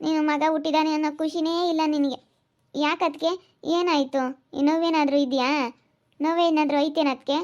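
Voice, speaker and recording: Woman caregiver, high and level, coaxing, lo-fi sound. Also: level tone, fairly quick, long pauses, a little mellow. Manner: coaxing, caring questions. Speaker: family caregiver.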